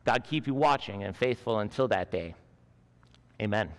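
A man's voice: lowish voice, normal speed. A man in his forties preaching a chapel sermon at a school, telling stories earnestly while gesturing with both hands. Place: school chapel stage with a lectern. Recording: long reverb of a large chapel.

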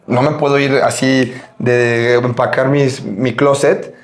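A young man with a Mexican accent, a podcast guest telling a story in a casual, lively way, full of filler tags. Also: medium pitch, takes it slowly, roomy sound. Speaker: podcast guest, American football player.

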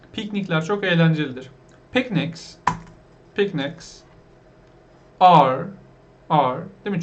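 A man's voice: a little high, muffled recording. A man teaching an online English lesson, patiently repeating words and asking his viewers questions.

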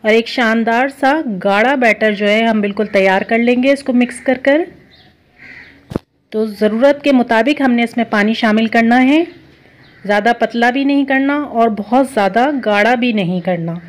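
A woman walks through a recipe step by step. She talks in a steady, instructive way, often repeating each step. Her voice comes from a home kitchen. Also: a little high, moderate pace. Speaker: cooking show host.

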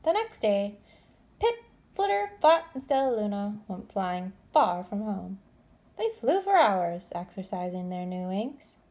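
A woman reading a children's story aloud expressively, with deliberate, dramatic phrasing. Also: medium pitch, big pitch swings, a little mellow. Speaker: storybook reader.

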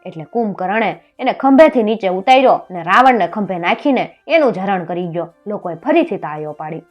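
A woman narrating a folk tale in a lively, expressive storytelling voice. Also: medium pitch, fairly quick, highs cut off, soft background music.

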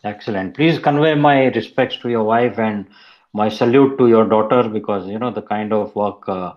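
Low-voiced male host on a muffled line. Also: moderate pace. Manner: courteous, brief acknowledgements, earnest. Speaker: interviewer, show host. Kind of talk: conversational interview. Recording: dull, muffled sound.

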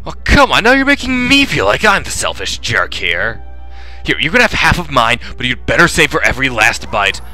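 A man voicing an eager, easily flustered young student adventurer from a video game, in an expressive, dramatic and casual way. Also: medium pitch, moderate pace, faint music behind. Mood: exasperated. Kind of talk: acted video game dialogue reading.

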